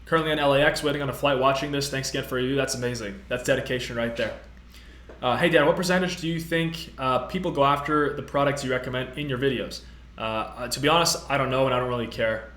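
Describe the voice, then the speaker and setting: A man's voice: medium pitch, fast talker, a bit bright. Upbeat young man on a roomy live stream. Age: 20s. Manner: casual, upbeat, many fillers, reads out chat. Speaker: host. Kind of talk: live-stream tutorial chat. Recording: roomy echo.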